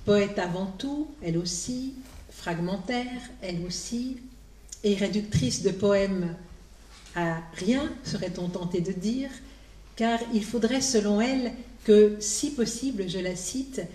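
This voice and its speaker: A woman's voice: mid-range voice, dark tone. Woman moderating a literary evening, echoey hall. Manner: unhurried, with small hesitations and fillers. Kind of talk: introducing guests at a public literary event. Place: literary event room before an audience. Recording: echoey room, mic at a distance.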